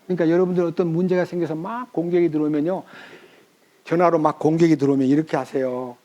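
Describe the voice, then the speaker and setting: A man's voice: a little high, fairly even intonation, fast talker, dark tone. A man preaching a sermon into a microphone in a church, emphatic, often asking the congregation questions and acting out prayers in a raised voice. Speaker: pastor.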